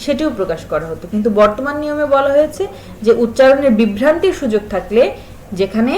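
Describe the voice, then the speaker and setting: A woman teaching a spelling lesson to school pupils, slowly listing example words and stressing their sounds. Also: sits high, expressive, dark tone, rough recording. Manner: stresses and repeats sounds to show pronunciation.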